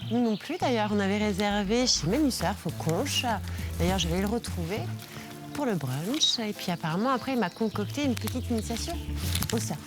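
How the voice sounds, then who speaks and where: A woman's voice: mid-range voice, expressive, normal speed, over music. A woman hosting a TV travel show, presenting and asking upbeat, prompting questions. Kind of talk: interviewing, presenting.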